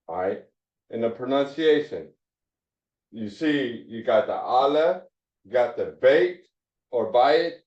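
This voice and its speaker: A man teaching a Hebrew phonics class, explaining slowly and repeating his points as he writes on a board. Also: mid-range voice, a little mellow. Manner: slow, repeats points, restarts mid-sentence. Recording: echoey room, dull lo-fi sound.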